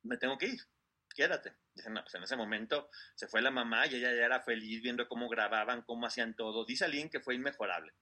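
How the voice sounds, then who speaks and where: A man recounts a story in casual podcast chat. His voice is bright and a little husky, and he brings the quoted lines to life as he goes. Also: mid-range voice, fast talker, hardly any pauses. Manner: animated retelling, acting out quotes.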